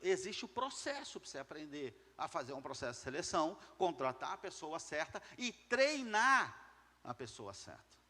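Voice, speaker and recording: A man's voice: a little high, sing-song, moderate pace, bright, forceful tone. A man with a slightly raised voice gives a punchy motivational talk to entrepreneurs. He hammers his points home through repetition and keeps asking the crowd questions. His voice rings with the long reverb of a large hall. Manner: emphatic, repeats key words, asks the audience questions. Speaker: business speaker addressing entrepreneurs. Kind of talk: motivational talk to a live audience.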